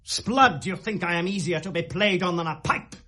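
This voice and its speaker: An actor with a British accent playing Hamlet, a bitter, mocking, wild-witted young prince, in theatrical 1970s radio Shakespeare style. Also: male voice, sits high. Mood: accusing, biting. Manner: theatrical, sardonic, quick shifts from quiet to outburst.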